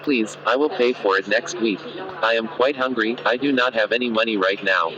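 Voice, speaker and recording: A computer voice of a man playing a hungry young man who begs for food with stiff, even pleading. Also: on the low side, moderate pace, lo-fi sound, crowd noise, natural voice.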